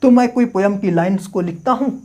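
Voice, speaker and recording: This male literature teacher lectures as if in a classroom, his voice high-pitched and dark. He quizzes the students, supplies the answers on his own, and says important terms slowly for dictation.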